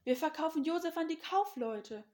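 A woman's voice: very high voice, animated, moderate pace, dark tone, voice pushed up. A woman voicing a scheming brother who confidently proposes a plan. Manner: confident, persuasive.

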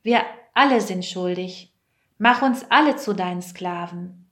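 A woman's voice: on the low side, measured pace, a bit bright. A woman reading aloud and voicing a group of brothers who protest their innocence and plead in a storybook tale. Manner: indignant, pleading.

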